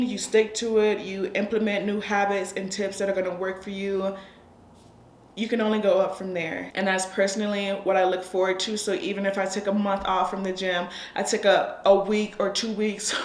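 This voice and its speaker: American woman vlogger in an echoey room. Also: mid-range voice. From United States. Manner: chatty, conversational, informal. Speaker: lifestyle vlogger. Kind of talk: casual advice vlog.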